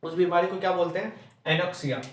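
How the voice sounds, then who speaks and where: A man's voice: on the high side, brisk. Man teaching chemistry, echoey room. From Rajasthan, India. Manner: keeps asking the class rhetorical questions and answers them himself; says "theek hai" after nearly every point. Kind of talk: classroom lecture. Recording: roomy echo, mic at a distance.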